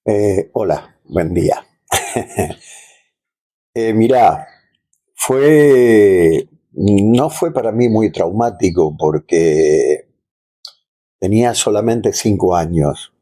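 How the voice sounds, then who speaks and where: A man with an Argentine accent casually tells personal stories as an interview guest, pausing to search for words and tacking on little check-in tags. His voice is fairly low, expressive, and dark with a breathy edge.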